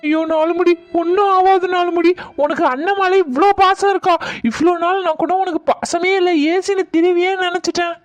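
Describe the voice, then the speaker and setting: High-voiced scolding woman. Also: fairly even intonation, moderate pace, dull audio, faint music behind. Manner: teasing, scolding. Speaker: comedy sketch performer. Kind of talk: village comedy skit acting.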